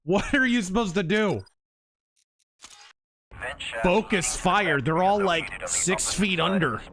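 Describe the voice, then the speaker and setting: Male live gameplay commentator, highish animated voice, exasperated and sarcastic, game sounds behind. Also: slow, noisy background. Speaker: game streamer.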